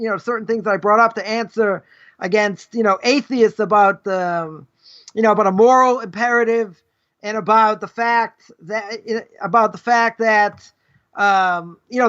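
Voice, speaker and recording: A man's voice: sits high, steady tone, normal speed, a bit bright. A middle-aged man, a rabbi, giving a live, rambling lesson, firing rhetorical questions and tagging his points with "right?". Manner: rambling, tags nearly every point with "right?". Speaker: rabbi teaching ethics. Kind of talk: live conversational Torah lesson. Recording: dull lo-fi livestream audio.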